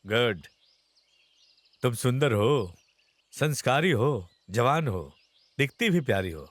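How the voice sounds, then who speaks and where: A man's voice: medium pitch, animated, slow pace, dry recording. A stern, scornful businessman father. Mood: sneering. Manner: lecturing, scornful. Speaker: father in a dubbed film.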